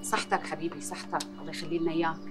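An actress playing a gentle middle-aged aunt with a Syrian accent, soft-spoken and placating. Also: female voice, deep voice, flat delivery, very fast, natural voice. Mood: soothing. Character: soothing aunt, gentle, coaxing peacemaker. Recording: music under the dialogue.

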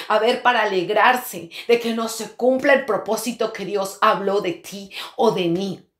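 A woman preaching a fervent sermon testimony, breaking into exclamations of praise and speaking in tongues. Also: mid-range voice. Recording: roomy echo.

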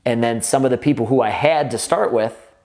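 An energetic man, a gym owner giving fitness business advice straight to the camera in run-on sentences full of restarts, seated at a table in an indoor office. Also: medium pitch, brisk. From United States. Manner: energetic, run-on sentences with frequent restarts, gestures with both hands.

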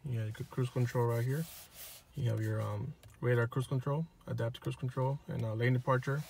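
A man filming on a phone in a car lot, showing viewers a new car in a relaxed, offhand way. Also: medium pitch, a little fast, creaky, a little hiss or hum. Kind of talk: casual walkaround video. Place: outdoor car dealership lot and inside a car. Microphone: phone held in hand while filming.

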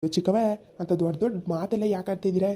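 A woman's voice: lowish voice, fairly even intonation, racing, warm tone, natural voice. A woman voicing a kind young village man in a cartoon, insistent and reassuring. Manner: insistent, reassuring, talks over worries. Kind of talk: cartoon voice acting.

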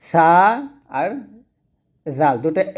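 A man's voice: fairly high pitch, a little mellow. Patient man teaching pronunciation. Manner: patient, repeats sounds slowly for learners to echo. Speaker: Quran reading teacher. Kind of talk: teaching lesson.

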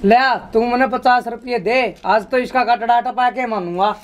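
Man playing high-voiced exasperated Haryanvi brother-in-law. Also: unhurried. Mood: coaxing, fed up. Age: young adult. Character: exasperated young brother-in-law, scheming to shed his guest. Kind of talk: Haryanvi comedy skit acting. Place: open concrete house courtyard, outdoors. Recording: outdoor ambience, faint noise.

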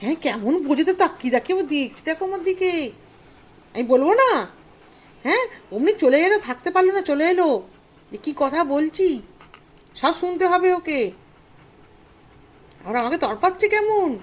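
High, lively woman. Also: moderate pace, pauses often. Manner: coos baby talk at her dog. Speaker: vlogger, dog owner. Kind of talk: casual chat with pet.

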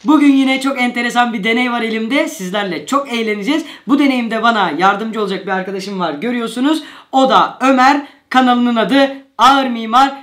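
A man's voice: very high-pitched, fairly quick, a bit bright. A young man casually presenting an experiment show to camera as its host. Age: young adult. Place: indoor living-room style set on a couch.

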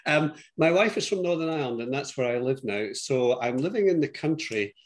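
An older Scottish man, a guest on a casual interview chat, tells stories over a video call from his home office. His mid-range voice has lively intonation and a fairly quick pace, and his warm storytelling is full of yeses and laughter.

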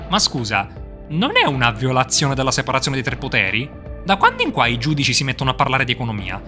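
A history video narrator giving a sarcastic, emphatic scripted narration with sudden mocking jumps in pitch. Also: fairly bright tone.

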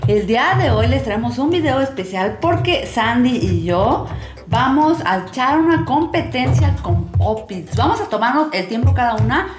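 A woman hosting a toy channel in a casual, playful way, with a bright, sing-song, excitable delivery. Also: fairly high pitch, normal speed. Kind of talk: casual playful presenting to camera. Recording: roomy echo, music underneath. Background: background music.

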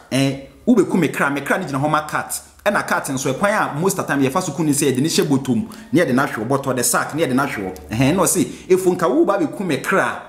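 Man, Ghanaian accent, excitable reaction commentary, slightly high voice, echoey room. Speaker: music reaction host. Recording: roomy echo.

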